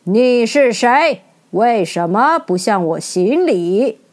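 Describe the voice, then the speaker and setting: A woman voicing a majestic, stern giant head who speaks slowly and commandingly in a children's storybook reading. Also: fairly high pitch, lively intonation. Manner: slow, loud, commanding.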